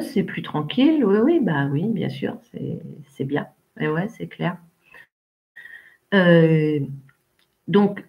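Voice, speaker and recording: Lively teacher, dull stream audio. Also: female voice, mid-range voice. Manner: encouraging, calls on pupils by name. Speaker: English teacher. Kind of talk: live online class correction. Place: home, remote teaching.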